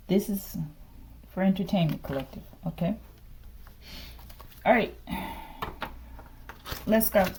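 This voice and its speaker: Speaking in a warm, medium-pitched voice with a little hiss or hum on the recording, a tarot reader casually reads the cards. She's emphatic, blunt and dramatic, and repeatedly checks in with her audience.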